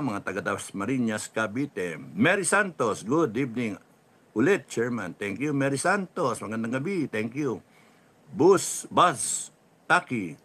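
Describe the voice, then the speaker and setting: A middle-aged Filipino man hosting a casual livestream, reading viewer comments, laughing often and dropping to a low mutter after his jokes. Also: pushed and bright. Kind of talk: casual livestream talk, mixing Tagalog and English.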